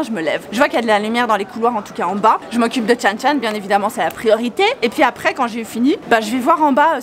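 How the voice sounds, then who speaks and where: A young woman vlogger telling a story in a casual, animated, exasperated way and swearing freely. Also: a little high.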